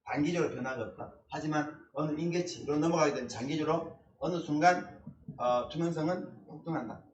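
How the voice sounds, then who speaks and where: A male instructor teaches at a blackboard with emphatic repetition of key words. His voice sits a little high. He is picked up from some distance in an echoey classroom, with faint background noise and clicks. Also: fairly quick, lo-fi sound. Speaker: essay-writing instructor. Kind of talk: blackboard lecture.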